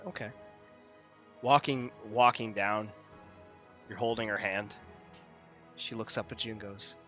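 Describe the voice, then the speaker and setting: A man narrating as game master in a tabletop role-play, in an animated, casual storytelling manner. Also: on the low side, unhurried, faint music behind.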